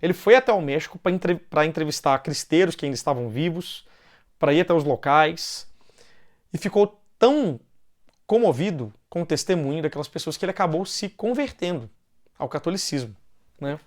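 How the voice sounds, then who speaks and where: A man's voice: a little high, animated. A man with a Brazilian Portuguese accent, giving an informal explanatory talk and often ending phrases with a questioning "né". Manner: loosely paced with pauses and restarts.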